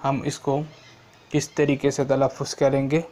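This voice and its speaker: A man teaching a vocabulary lesson, spelling each word out letter by letter and then repeating it slowly and patiently. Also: medium pitch, monotone, warm tone. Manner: deliberate, patient, with long pauses. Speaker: language teacher.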